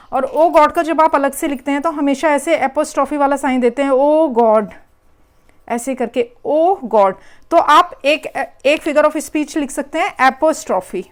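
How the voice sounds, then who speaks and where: A woman teacher, working through an exam paper step by step and repeating the key words. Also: high-pitched. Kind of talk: exam paper walkthrough lesson.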